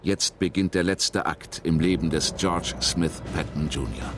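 Deep-voiced male documentary narrator. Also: unhurried, loud music behind the voice. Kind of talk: scripted historical documentary narration.

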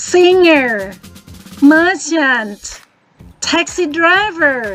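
A woman teaching English to children with a Thai accent, slowly sounding out words syllable by syllable in an encouraging way. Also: sits high, pushed and bright.

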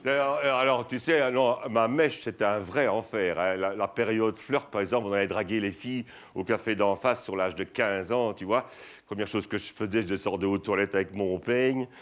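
A man's voice: lowish voice, moderate pace. A middle-aged man with a Belgian French accent doing a rambling stand-up monologue, chatting with the audience. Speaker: stand-up comedian. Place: theatre stage before a live audience. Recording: live show with loud audience laughter.

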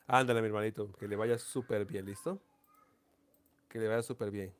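A man's voice: on the low side, steady tone, moderate pace. Chatty man coaxing live-stream viewers. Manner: affectionate, repetitive, coaxing viewers to like. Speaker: livestream host. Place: seated indoors.

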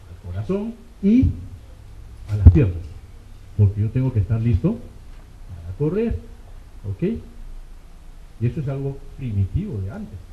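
A male medical exam lecturer, teaching through rhetorical questions and frequent "ok?" check-ins. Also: medium pitch. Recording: tinny, echoey classroom recording.

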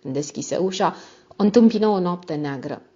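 A woman narrating a classic novel as an audiobook, in a measured, dramatic storytelling manner. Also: fairly low pitch, expressive, dark tone, breathy edge. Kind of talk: scripted narration. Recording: dull lo-fi audio.

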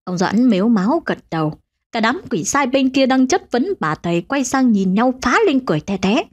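A woman tells a ghost story in a dramatic storytelling voice. Her pitch sits fairly high for a woman and swings widely as she builds tension. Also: big pitch swings, normal speed.

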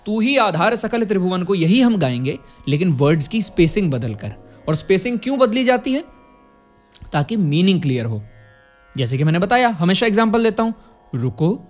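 A man teaching a classical music lesson, explaining patiently, asking rhetorical questions and breaking into short sung demonstrations. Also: high-pitched. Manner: asks rhetorical questions to the student.

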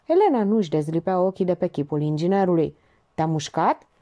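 A woman narrating a novel as an audiobook reader, expressive and measured. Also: on the low side, dry recording.

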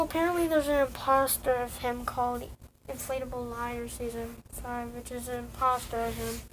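A young woman ranting casually to her viewers, rambling and halting with many fillers and restarts. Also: sits high, a bit bright, a little hiss or hum, poor audio. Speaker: online community vlogger. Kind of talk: casual rant to camera.

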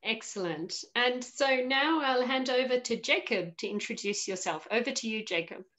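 A woman's voice: on the high side, normal speed, fairly bright tone. A woman in her forties hosting an online panel session from home over a video call, upbeat and welcoming, with frequent fillers. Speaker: webinar host. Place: home room with shelves. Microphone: laptop webcam video call.

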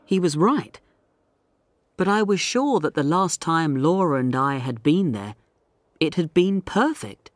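A man narrating a story slowly and clearly for English learners. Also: on the high side, animated, no room sound, clean studio sound. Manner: slow, deliberate, clearly articulated.

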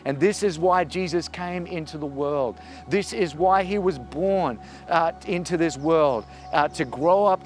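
Earnest pastor preaching outdoors. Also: male voice, fairly high pitch. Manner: earnest, encouraging preaching with emphatic rises. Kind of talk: outdoor video sermon. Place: outdoors on a forest path. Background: soft music.

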